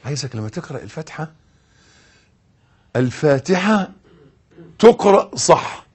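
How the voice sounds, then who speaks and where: A man with an Egyptian accent gives a sermon in a slightly high voice. He hammers words through repetition, then drops to a near hush. His delivery moves through wide swings of loudness. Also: big pitch swings, normal speed, slightly rough. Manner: swings between loud emphatic bursts and soft hushed tones, repeating words. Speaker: preacher. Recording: audio recording.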